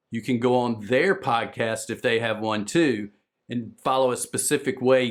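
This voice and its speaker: A man with a Southern American accent gives a conference presentation on podcast business. He talks fast and with a lot of energy, pushing his points like a salesman. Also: medium pitch. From Southern United States.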